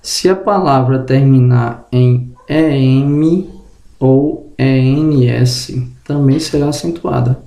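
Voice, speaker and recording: A man giving a spoken grammar lesson, slowly drawing out example words and checking in with the viewer, slightly groggy and tripping over words. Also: mid-range voice, creaky, dark tone, roomy sound. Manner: tag questions to the viewer. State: just woke up, tongue tripping. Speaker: teacher.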